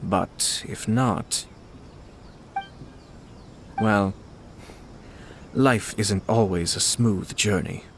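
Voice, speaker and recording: An actor playing a calm, calculating young nobleman commissioner in a video game, speaking in a formal, measured, polite way. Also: fairly low pitch, noisy background. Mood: composed, assured. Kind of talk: English game voice acting. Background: background music.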